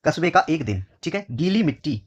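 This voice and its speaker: A Hindi exam teacher from India going through test questions. He repeats each phrase slowly, calls his pupils dear children, and drops his voice on each answer word. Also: a little high, sing-song, dull audio. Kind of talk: exam question walkthrough lesson.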